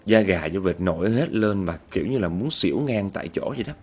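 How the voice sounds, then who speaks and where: A man's voice: low voice, animated, brisk, a little mellow, soft background music. A man telling a horror story in a chatty way and often addressing his listeners.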